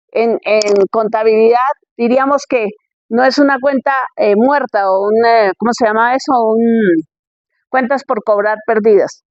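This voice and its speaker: Woman preaching, high voice, reads bible verses, keeps asking "ok?", dull dry recording. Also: no room sound. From Colombia.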